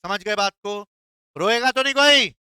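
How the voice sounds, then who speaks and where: A man's voice: high voice, moderate pace, pushed and bright, clean tone, no echo. A male teacher giving a classroom lecture, playful and quizzing his students with call-and-response questions.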